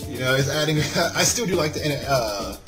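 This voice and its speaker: This let's-play host has an expressive mid-range voice and a moderate pace. He reads a visual novel aloud with casual commentary, stumbling over lines and correcting himself often, while game music plays in the background.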